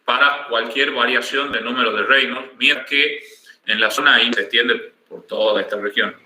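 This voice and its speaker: A man's voice: medium pitch, fairly even intonation, moderate pace, bright, forceful tone, echoey room, poor audio. A man gives an online university lecture, checking in with frequent tag questions while his video-call audio keeps breaking up. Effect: choppy, breaking-up video call audio.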